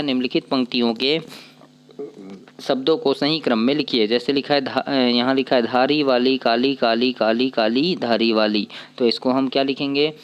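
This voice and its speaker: Teacher, male, mid-pitched, smooth and resonant, patient step-by-step explainer. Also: dull audio. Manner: explains step by step, asks and answers his own questions; reads poem lines slowly. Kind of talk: workbook lesson walkthrough.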